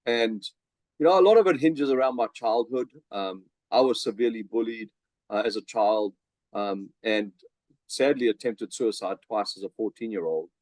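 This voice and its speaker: This fairly low, slightly mellow male voice belongs to a middle-aged South African business coach appearing as a podcast guest. He talks at a moderate pace, energetically and casually, with frequent fillers and restarts, on a dry, poor-quality recording.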